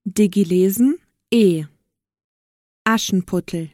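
A woman's voice: medium pitch, slow pace, darkish tone, no echo, clean studio sound. A woman narrating a fairy tale aloud in simple, carefully phrased sentences for learners. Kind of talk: slow storybook reading for learners.

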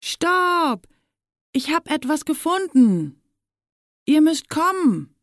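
A woman's voice: high voice, measured pace, no room sound, studio quality, pitched above the performer's own voice. A woman voicing a shy, eager schoolboy with big ears in a storybook. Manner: timid, then excited.

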